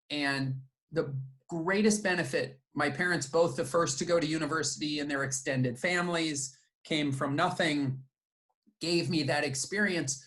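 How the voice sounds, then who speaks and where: A middle-aged man, born in the United States and raised in Japan, telling his life story in a reflective, measured way as an interview guest. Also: on the high side, fairly bright tone. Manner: reflective, measured, with fillers and restarts. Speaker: guest, company founder and CEO.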